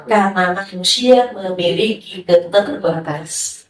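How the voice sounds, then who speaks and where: A woman's voice: medium pitch, unhurried, crowd noise. Lady preacher giving a sermon, lots of rhetorical questions, sounds a bit far from the mic. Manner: lively, full of rhetorical questions. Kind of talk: sermon to a women's gathering. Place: hall with a listening audience. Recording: roomy, from a distance.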